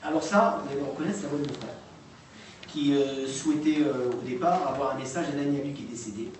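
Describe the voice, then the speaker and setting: A man giving a public talk and playing recordings, speaking haltingly with many fillers and restarts. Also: medium pitch, a little mellow, slight background noise. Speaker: lecturer. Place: lecture room. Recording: echoey hall recorded from far off.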